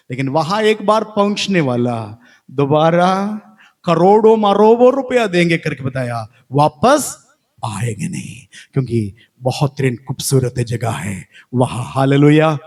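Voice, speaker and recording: A man's voice: on the high side, expressive, a little slow. A man preaching a sermon in church. He asks the congregation questions and breaks into hallelujahs. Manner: exclaims hallelujah. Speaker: pastor. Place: church during a live Sunday service.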